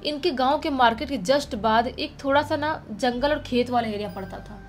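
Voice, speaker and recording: A woman's voice: sits high, moderate pace, soft background music. Chatty woman telling a spooky tale. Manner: chatty, repeats phrases for effect. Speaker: storyteller. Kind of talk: casual spoken storytelling.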